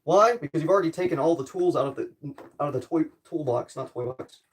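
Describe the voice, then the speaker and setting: A man's voice: a little high, expressive, fast talker. A man livestreaming casually, rambling jokey self-deprecating commentary to his viewers while he works with tools.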